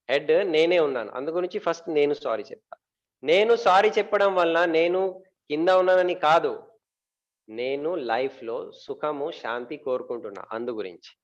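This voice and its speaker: This man's marriage talk to an audience is full of self-answered questions, pauses with fillers, and repeated words. His voice is a little high, and the recording has its highs cut off.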